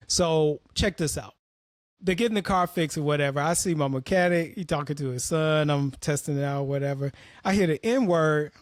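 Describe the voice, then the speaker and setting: A man's voice: fairly high pitch, no room sound, studio quality. A man hosting an opinionated commentary monologue, talking bluntly and profanely as he tells stories. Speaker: host.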